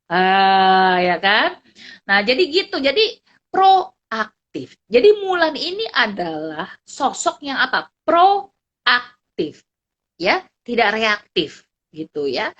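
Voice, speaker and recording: A woman's voice: medium pitch, slow, muffled recording. A middle-aged woman, a psychology lecturer, giving a chatty online class talk, full of tag questions. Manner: lively, chatty, ends phrases with tag questions.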